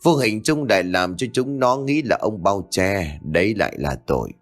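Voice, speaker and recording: A man voicing an old male village shaman who scolds harshly and mocks. His voice is low and swings widely in pitch. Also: animated, normal speed, faint music behind, lightly acted. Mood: contemptuous. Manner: harsh, scolding, laughs mockingly.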